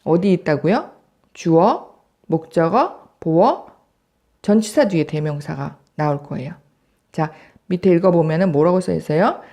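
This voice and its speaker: A woman's voice: lowish voice, animated, a little slow, warm tone. A woman teaching English grammar in a recorded video lesson, drilling word lists in a chant and checking in with the class.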